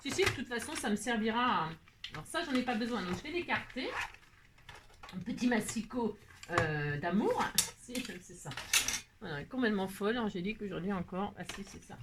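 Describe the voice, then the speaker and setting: A woman's voice: mid-range voice, lively intonation, fairly quick. Chatty woman, noisy craft tutorial. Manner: chatty, playful, self-mocking, many fillers. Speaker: crafting video host. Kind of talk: casual craft tutorial chat.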